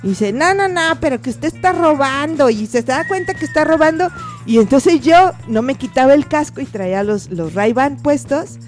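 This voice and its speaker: A woman's voice: sits high, moderate pace, soft background music. A woman, a guest in an interview, telling a casual anecdote and acting out the voices of the people in it. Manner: animated, acts out the voices of people in her story.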